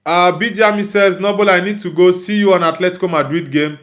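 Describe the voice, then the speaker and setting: On his football livestream, a man with a Nigerian accent reads comments and answers them casually. He talks briskly in a slightly high voice, keeping a steady, fairly bright tone.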